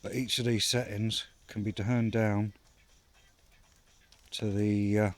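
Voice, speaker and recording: Faint music plays behind a low-voiced man who speaks slowly with little pitch movement. He's a bushcraft vlogger in a hammock at night camp, chatting casually with lots of fillers and banter.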